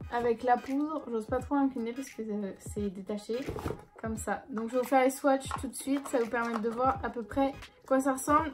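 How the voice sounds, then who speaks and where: A young woman chatting casually through a beauty haul and review, light and self-deprecating, with plenty of hesitant fillers. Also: sits high. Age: young adult. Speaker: beauty vlogger. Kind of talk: casual product review vlog.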